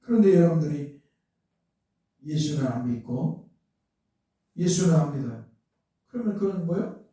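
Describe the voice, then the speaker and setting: A man's voice: fairly high pitch, animated, moderate pace, long pauses, warm tone. A man preaching a sermon as pastor, asking rhetorical questions and building to emphatic outbursts. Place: church sanctuary. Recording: very echoey church hall, mic from far off.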